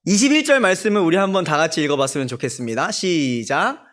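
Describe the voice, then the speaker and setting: A young man preaching to his church. His voice sits a little high and swings widely in pitch as he tells stories. He acts out the quoted voices and keeps asking his listeners questions. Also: expressive, fast, a bit bright. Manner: storytelling with acted-out quoted voices; addresses the congregation directly with questions. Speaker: junior pastor. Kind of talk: sermon. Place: church sanctuary.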